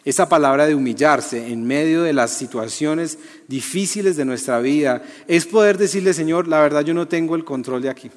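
A man preaching a lively, conversational sermon to young people, often asking the audience questions. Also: a little high, moderate pace, few pauses. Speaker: youth preacher. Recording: long hall reverb.

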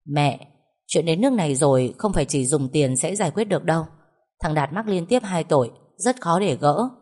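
A woman voicing a composed young husband, a lawyer who speaks calmly and measuredly. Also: low voice. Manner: calm and measured.

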